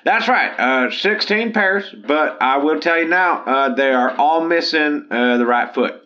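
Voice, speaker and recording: A man plays a simple, folksy caller, heard over a muffled phone line on a radio call-in show. He rambles with lots of ums, and his voice sits a little high and bright. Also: animated, measured pace. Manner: rambling, hesitant, folksy grammar. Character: simple folksy man selling odd socks.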